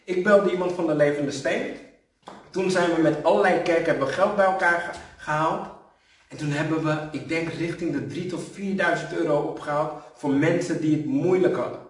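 A man giving a sermon, telling personal stories, building up to loud emphasis and dropping to soft, quiet moments. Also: on the high side, moderate pace. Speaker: preacher. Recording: echoey hall, voice from some distance.

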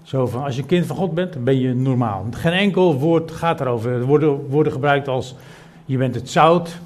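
Emphatic preacher building his sermon. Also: medium pitch. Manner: builds from soft, measured talk to loud, emphatic preaching; repeats phrases for emphasis. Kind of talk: sermon with Bible reading. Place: church service, also streamed to people at home.

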